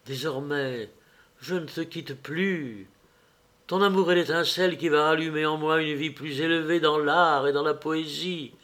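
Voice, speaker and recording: A man's voice: a little high, fairly even intonation, unhurried, a bit bright. A man reading as a tender young woman. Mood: tender pleading.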